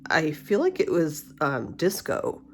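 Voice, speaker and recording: Low-voiced woman talking with a retainer in. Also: unhurried. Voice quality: slightly lisping speech from wearing a retainer. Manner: candid, rambling. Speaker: vlogger. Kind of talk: casual, chatty personal check-in vlog. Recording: steady humidifier hiss and faint spa music. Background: cool mist humidifier, soft spa music.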